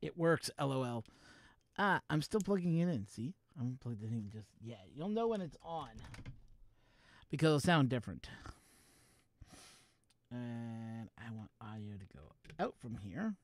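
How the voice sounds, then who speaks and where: A man's voice: mid-range voice, big pitch swings, unhurried, long pauses, no echo. Guy rambling on his live stream, talking to chat while he fiddles with stuff, dry close sound. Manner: rambling, chatty, talks to his viewers while fiddling with gear. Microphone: wireless USB microphone.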